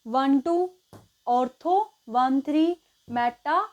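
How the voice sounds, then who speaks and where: High-voiced woman teaching chemistry. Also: drawn-out words. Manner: explains step by step, counts positions aloud, often checks with "ठीक है". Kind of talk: exam-prep lesson at a board.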